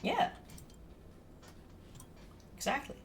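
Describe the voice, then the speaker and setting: Speaking very slowly in a fairly bright tone, a podcast co-host chats on a live stream via a desk mic setup. They come across flustered and self-deprecating, laughing their way through technical hitches.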